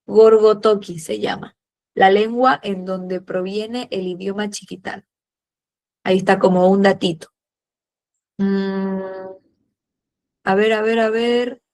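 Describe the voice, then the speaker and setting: Woman history teacher, patient and questioning, fond of diminutives, mid-pitched voice. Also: darkish tone. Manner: patient, fills pauses with "eh" and "a ver", uses diminutives. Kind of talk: classroom lesson, questioning students.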